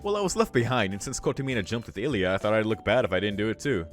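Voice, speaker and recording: Faint game music plays as a man streams himself reading a visual novel, breaking off for amused comments full of slang and swearing. His voice is lowish, very animated, and racing.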